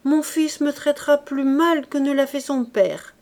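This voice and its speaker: A woman's voice: high-pitched, a little slow, darkish tone, pitched above the performer's own voice. Woman reading an anxious, emotional princess. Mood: tearful. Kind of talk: audiobook reading.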